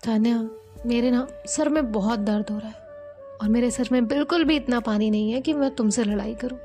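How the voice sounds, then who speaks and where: A stern young businesswoman speaks in short, firm sentences, read by a female storyteller. Her voice sits a little high, with soft music playing behind her in a storybook audio. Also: fairly quick, natural voice. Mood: curt. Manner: curt, clipped, firm.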